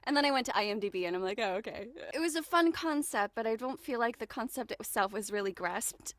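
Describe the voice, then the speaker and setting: A woman guest co-host rambles in lively, giggly chat, her pitch jumping as she talks. Her voice sits a little high. The recording is close and dry. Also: fast talker, dry recording. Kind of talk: casual chat.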